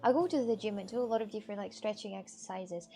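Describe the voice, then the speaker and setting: A woman's voice: mid-range voice, fast, vocal fry, mellow, a little hiss or hum. A woman in her twenties, a streamer chatting casually with viewers, rambling, laughing often and swearing freely. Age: 20s. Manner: rambling, giggly, frequent swearing. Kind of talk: casual chat answering viewers.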